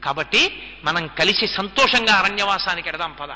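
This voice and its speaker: A man voicing a devoted young prince speaking tenderly to his wife, in a gentle, earnest retelling with long hall reverb. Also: sits high, animated, moderate pace, voice pushed down, exaggerated voice.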